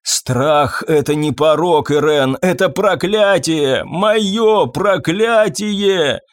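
Усталый, робкий официант средних лет, которого играет мужчина говорит медленно, надломленно и виновато. Голос живо меняет интонацию. Звук сухой и близкий, как в аудиокниге. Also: male voice, mid-range voice, sing-song, dry recording, clean studio sound. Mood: pleading. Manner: slow, weary, pleading speech. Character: tired, timid, guilt-ridden middle-aged waiter.

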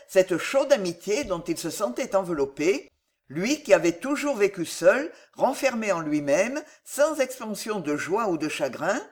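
An audiobook narrator reading a historical novel in an expressive storytelling manner. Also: mid-range voice.

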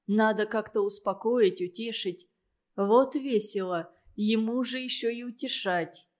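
A woman narrating a novel in a steady, even storytelling manner. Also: mid-range voice, a little slow. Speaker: audiobook narrator.

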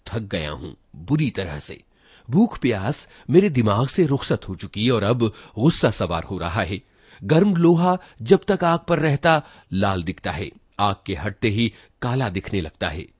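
Here a man reads a short literary work in the first person, his voice husky and on the lower side. The recording is dry, and his dramatic, reflective reading moves through very vivid changes in pitch.

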